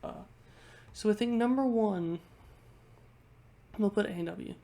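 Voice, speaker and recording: A congested woman vlogger chats casually into her webcam at home, ranking things on a tier list while rambling and frequently restarting her sentences. Her voice is mellow and medium-pitched, with a measured pace.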